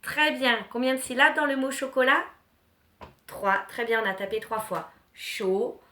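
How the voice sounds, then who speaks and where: A woman teacher giving a lesson to young children, encouraging them and pronouncing words slowly and clearly. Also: sits high. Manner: warm, encouraging, slow and clearly articulated; syllables stretched and repeated for children.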